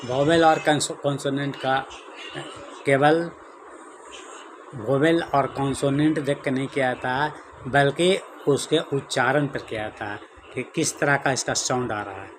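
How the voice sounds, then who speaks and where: A man teaching English grammar in a lesson, explaining slowly and repeating each example. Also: mid-range voice, fairly even intonation, background noise. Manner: slow, repetitive explaining with drawn-out examples. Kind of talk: Hindi-language grammar lesson.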